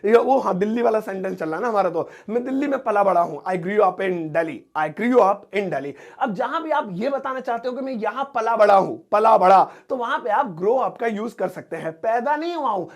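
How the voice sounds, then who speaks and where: Man, high voice, English teacher, chatty, joking, casual classroom lesson. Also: animated, fast, hardly any pauses. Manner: chatty and joking, with playful asides.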